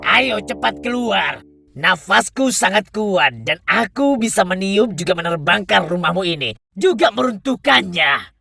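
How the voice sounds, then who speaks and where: A woman playing a sly, menacing big bad wolf in a children's cartoon fairy tale, with a gravelly, wolfish voice, coaxing and threatening. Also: medium pitch, lively intonation, measured pace, sharp tone, faint music behind, heavily acted.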